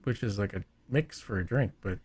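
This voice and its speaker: A man's voice: on the low side, brisk, darkish tone, breathy edge. Rambling, jokey man chatting. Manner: rambling, restarts sentences, jokey. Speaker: fan panelist. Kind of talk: casual fan chat.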